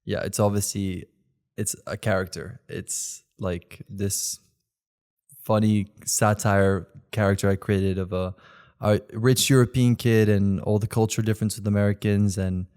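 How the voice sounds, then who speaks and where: Low-voiced young man, rambling casually. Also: steady tone, unhurried, darkish tone, smooth. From Belgium. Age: 20s. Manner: rambling, heavy use of "like" fillers. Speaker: guest, content creator. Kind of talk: casual interview chat.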